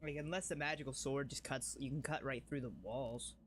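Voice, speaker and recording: A man's voice: mid-range voice, fairly even intonation, fairly quick, a little hiss or hum. A man giving casual, rambling, self-deprecating commentary while streaming a video game.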